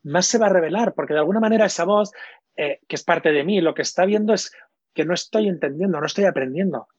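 A man's voice: sits high, fast talker, no echo. A man, a coach who explains his methods thoughtfully in an interview and often hesitates mid-sentence. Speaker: coach and trainer. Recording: dull, lo-fi, dry.

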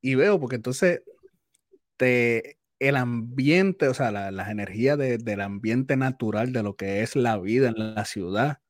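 A man's voice: mid-range voice, a little slow, dry recording, clean studio sound. A man hosting a podcast, listening and rephrasing what his guests say. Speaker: podcast host. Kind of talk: casual interview.

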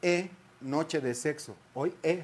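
A man's voice: on the high side, slow. A man with a Mexican Spanish accent, co-hosting and reading silly lines in a mock-dramatic, crude joking way. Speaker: show co-host.

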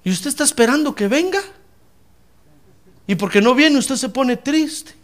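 A man's voice: very high voice, animated, unhurried. A man preaching a fervent sermon, often calling his listeners brother.

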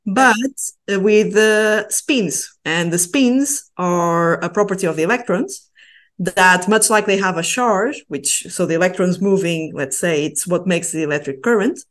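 Female researcher, 30s, from Portugal; low-ish voice, patient and careful explainer. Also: measured pace. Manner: thoughtful, explains patiently with small hesitations. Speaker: postdoctoral researcher, guest. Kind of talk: explaining science in an interview.

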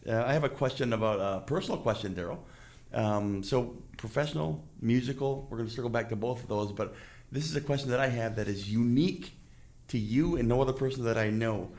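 A man's voice: mid-range voice, fairly quick, a little mellow. A man hosting a casual interview, joking and effusive, rambling his way into questions. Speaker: interviewer, host.

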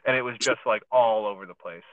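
A man co-hosts a podcast while sitting in his parked car, rambling in casual chat full of fillers and false starts. His voice is lowish, smooth, and fairly bright, and he talks fast. Captured on a phone via a podcast app, it sounds tinny like a phone line.

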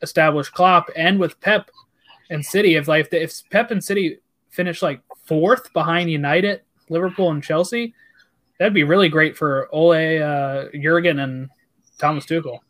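A man's voice: on the high side, moderate pace, fairly bright tone. A man hosting a casual sports chat, talking freely and reading out lists of fixtures and scorers.

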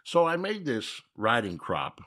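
Older man, husky voice, lively storyteller, casual chat. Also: mid-range voice, unhurried. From Minnesota. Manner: laughing, animated storyteller with restarts. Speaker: guest.

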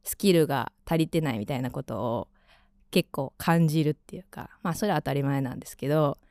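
A woman's voice: sits low, a little fast, mellow, no room sound, studio quality. A young woman in her twenties with a Kansai accent, chatting casually as a radio host and rambling through lots of fillers.

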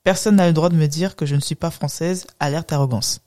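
A woman hosts a podcast interview, speaking in a thoughtful, informal, wordy conversational style. Her voice is low and dark in tone, and she talks a little fast.

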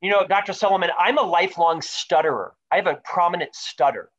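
On a muffled recording, a fifties-aged leadership author gives animated interview answers, his emphatic, carefully enunciated speech building lists of questions and points. He speaks a little fast in a high-sitting, fairly bright voice.

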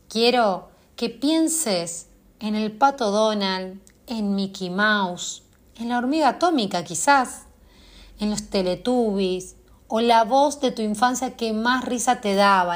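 A woman, hosting and guiding listeners through a self-help exercise, speaking straight to them and asking many questions. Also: mid-range voice. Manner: coaching, asks many questions directly of the listener. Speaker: host.

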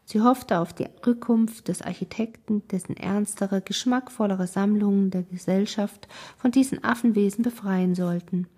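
A woman narrating a classic novel aloud in a soft, breathy, partly whispered delivery. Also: mid-range voice, normal speed, hardly any pauses. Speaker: audiobook narrator.

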